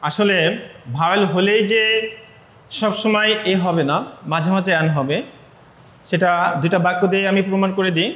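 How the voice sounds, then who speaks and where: A man's voice: high-pitched, fairly even intonation, moderate pace, pauses often, a bit bright, roomy sound. A man with a Bangladeshi accent, an English teacher giving an online class lecture, explaining step by step and repeating points for students.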